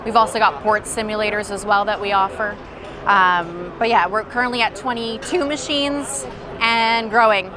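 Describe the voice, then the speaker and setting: At a busy outdoor trade show, a woman representing a company demos a product, explaining it conversationally at a moderate pace in a medium-pitched voice. Crowd noise fills the background.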